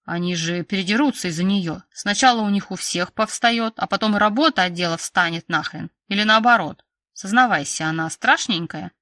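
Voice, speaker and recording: A woman voicing a gruff, hot-tempered man. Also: medium pitch, fairly quick, bright, forceful tone, no echo, clean studio sound, distant mic, close to an everyday voice. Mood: ranting. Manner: grumbling, snappy. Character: irritable male employee, gruff and hot-tempered.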